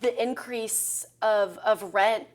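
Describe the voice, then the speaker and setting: A woman's voice: on the high side, takes it slowly. A woman interviewing someone in a conversational style.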